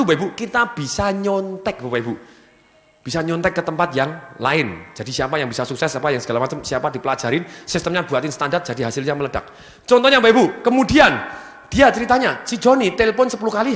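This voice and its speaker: A man giving a motivational business seminar to a live audience, energetically firing questions for them to finish. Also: sits high. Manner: energetic, keeps asking the audience fill-in questions. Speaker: seminar speaker. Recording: long hall reverb from a venue PA.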